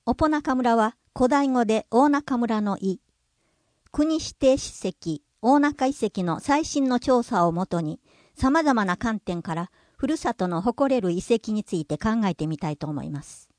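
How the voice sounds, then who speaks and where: A woman reading a scripted informational narration in a measured way, slowing down over example words. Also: a little high, expressive, darkish tone, no room sound, clean studio sound.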